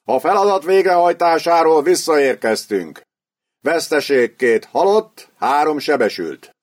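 A man's voice: on the high side, lively intonation, pitched above the performer's own voice, close to an everyday voice. A male narrator voicing a cold, scheming army lieutenant who reports to his colonel in stiff military formality. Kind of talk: audiobook character voice.

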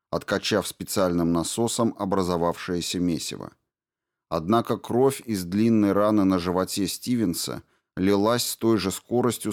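A man narrating a science fiction audiobook in an even, measured reading. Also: low-pitched. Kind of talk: scripted narration.

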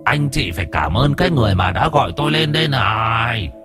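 A man voicing a sharp-tongued female ancestral spirit who speaks shrilly and scolds. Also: mid-range voice, animated, brisk, faint music behind, close to an everyday voice. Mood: scolding.

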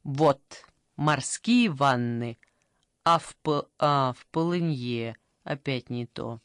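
A woman voicing a brisk, strict young female phone operator in an audiobook, pushy and salesy, recorded dry and close. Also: extremely low pitch, animated, no room sound, exaggerated voice. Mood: pushy selling. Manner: pushy, salesy, rattling off offers. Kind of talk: audiobook character voice.

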